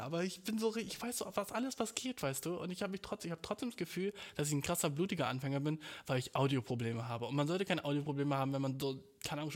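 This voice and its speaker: A young man hosting his own podcast, venting in a rambling, slangy, swear-heavy way about his audio troubles. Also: on the high side. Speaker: podcast host. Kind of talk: casual solo podcast rant. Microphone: home podcast mic.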